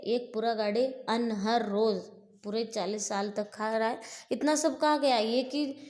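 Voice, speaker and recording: A woman voicing a mighty young male hero who loudly taunts a demon in a storybook reading. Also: a little high, steady tone, measured pace, lightly acted. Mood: mocking. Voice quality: loud, shouting taunts.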